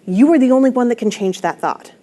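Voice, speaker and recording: A woman's voice: on the high side, lively intonation, fast talker, warm tone. A woman wellness coach giving an online presentation in an earnest, emphatic teaching tone, speaking into a computer microphone.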